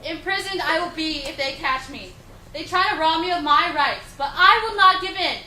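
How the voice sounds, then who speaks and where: Woman acting a high-pitched, defiant young activist. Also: normal speed, bright, forceful tone, full character voice. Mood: impassioned, defiant. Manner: impassioned, declamatory oratory. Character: defiant young woman anti-war activist, idealistic immigrant. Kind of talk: dramatised historical speech. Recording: echoey room with faint background noise.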